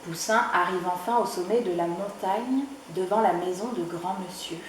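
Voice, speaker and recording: Slow soft lady reading a kids' book, big echo, faint hum behind. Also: fairly low pitch. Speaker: librarian reading to children. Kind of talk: children's storybook reading. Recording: echoey room.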